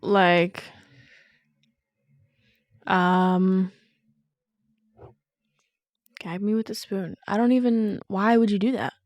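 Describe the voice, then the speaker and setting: A young woman chats in a relaxed, giggly way on a podcast. Her voice sits in a middle pitch and sounds close and dry. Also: drawn-out words, long pauses, no room sound. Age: young adult. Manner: laid-back, giggly storyteller. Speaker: podcast co-host, daughter. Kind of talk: casual chat.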